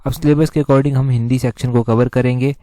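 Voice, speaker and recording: A man's voice: mid-range voice, steady tone, fairly quick, mellow, no room sound. A man teaching a recorded exam-prep lesson, explaining step by step and repeating answers with lots of filler phrases.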